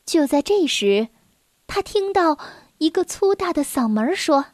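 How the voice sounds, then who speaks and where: High-voiced woman reading a bedtime story. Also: a little slow, no echo, clean studio sound. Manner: gentle, expressive read-aloud with asides. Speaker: children's storyteller. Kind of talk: scripted narration for children.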